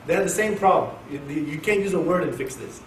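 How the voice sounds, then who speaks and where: This Quran teacher from Oklahoma, USA, has a fairly high-pitched voice and speaks fairly quickly, joking and animated as he addresses an audience in a mosque hall. It's an informal religious class, caught on a distant mic in an echoey room with faint hiss.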